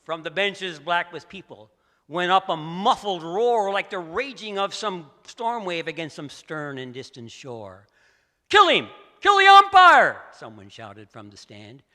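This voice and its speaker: A male storyteller giving a theatrical poetry recitation, swinging from hushed lines to loud outbursts in a large assembly hall. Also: on the high side, expressive, unhurried. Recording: echoey hall.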